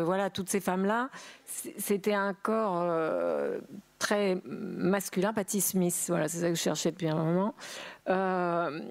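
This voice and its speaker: A woman's voice: lowish voice, a little mellow, dry recording. A woman speaking on a conference panel, adding a point and thinking aloud as she searches for names. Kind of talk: conference talk. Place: conference room with audience.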